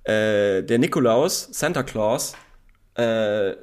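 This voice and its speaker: A man chatting casually about favourite words, rambling with many fillers and quick bursts of speech. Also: on the low side, animated, a little mellow, smooth. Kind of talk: casual chat.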